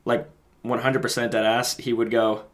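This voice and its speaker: A man's voice: mid-range voice, little pitch movement, moderate pace. A man in his twenties co-hosting a podcast, telling personal stories in a blunt, slangy, casual way. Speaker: podcast co-host. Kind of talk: casual chat and personal anecdotes.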